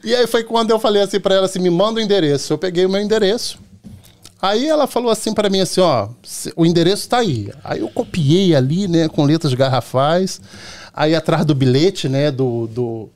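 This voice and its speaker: A middle-aged man with a Carioca accent chats as a podcast guest, his voice sitting fairly high for a man. He tells anecdotes casually and plays out the back-and-forth dialogue as he goes. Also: animated, moderate pace, a little mellow. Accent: Carioca Portuguese. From Rio de Janeiro, Brazil. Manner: chatty, tells anecdotes acting out quoted dialogue, often tags "entendeu?". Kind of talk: casual storytelling in a podcast chat.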